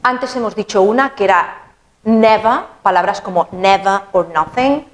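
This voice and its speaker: A woman, an English teacher explaining grammar in an animated, chatty, playful way. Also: medium pitch, unhurried.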